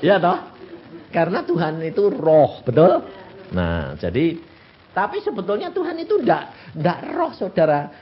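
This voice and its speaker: A man's voice: on the high side, a little slow. Elderly male preacher, Javanese accent, wildly swooping raised voice, dull lo-fi recording. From Central Java, Indonesia. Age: 80s. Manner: animated, asks the congregation rhetorical questions. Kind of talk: sermon.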